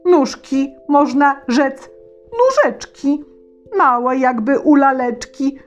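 A woman voicing a foolish young peasant lad, excitable and boastful, in a storybook reading in verse. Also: slow, muffled recording, faint music behind. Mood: mocking. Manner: high, excited, exclamatory.

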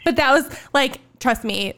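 A woman's voice: sits high, expressive, moderate pace, a bit bright. A woman in her late twenties in a casual, reflective podcast chat, often using "like" as a filler. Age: 20s. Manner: reflective, heavy use of "like" fillers.

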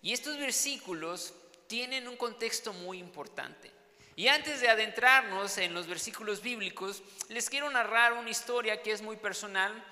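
A Mexican man preaching from the pulpit, his voice pitched high and ringing bright. He tells a personal story with lively, dramatic flair and keeps checking in with the congregation. A long reverb from the church hall trails after every phrase. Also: moderate pace. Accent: Mexican Spanish. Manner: animated, dramatic storytelling with tag questions. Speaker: pastor.

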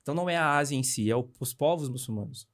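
A young Brazilian man, a missionary guest, telling his story in a casual interview with animated, hurried speech and frequent tag questions. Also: medium pitch. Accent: Brazilian Portuguese.

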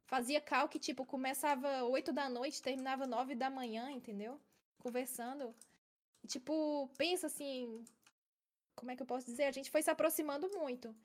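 A young woman with a high-sitting voice and steady tone, speaking at normal speed, casually tells a long personal story. She's chatty and keeps adding "entendeu?" to check that her listeners follow.

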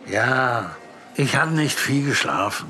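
A man's voice: medium pitch, very animated, slow pace, sharp tone, full character voice. A man voicing a tired, dreamy young boy in a children's audiobook, distracted and hesitant.

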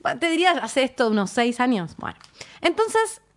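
Argentine woman, thirties, high-pitched, chatty storyteller who acts out her own quotes. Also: a little fast. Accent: Argentine Spanish. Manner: storytelling, animated, quoting herself. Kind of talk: casual chat.

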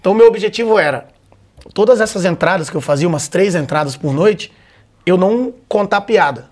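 High-voiced, laid-back comedian man. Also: a little fast. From Vitória, Brazil. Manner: relaxed and laid-back, swears often, slangy. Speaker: stand-up comedian guest. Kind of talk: casual podcast conversation.

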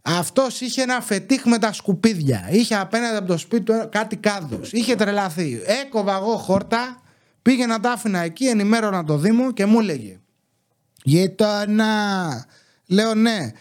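A young man hosting a podcast, telling rambling, sarcastic stories about his neighbors in a casual monologue. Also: high voice. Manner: rambling, sarcastic, animated retelling. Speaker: podcast host.

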